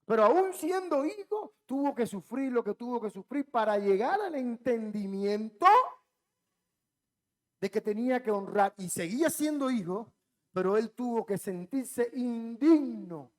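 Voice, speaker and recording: A male pastor preaching a sermon in a church, repeating phrases and building up to loud, emphatic peaks. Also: very high-pitched, lively intonation, a little slow. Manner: impassioned preaching with heavy repetition.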